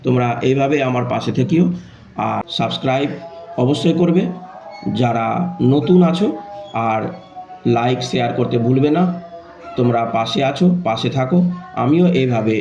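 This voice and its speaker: A man's voice: mid-range voice, moderate pace, pauses often, a little mellow, highs cut off, faint music behind. A male English grammar teacher giving an online lesson, chanting word lists and lifting his voice to announce each new rule.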